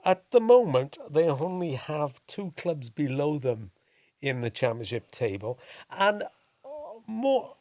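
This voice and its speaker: A man hosting a football podcast, measured and pausing with filler sounds as he weighs his view. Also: fairly high pitch, very animated, a little mellow, no echo. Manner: measured, thinks aloud with many "uh"s. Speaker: podcast host, commentator. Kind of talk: casual football chat.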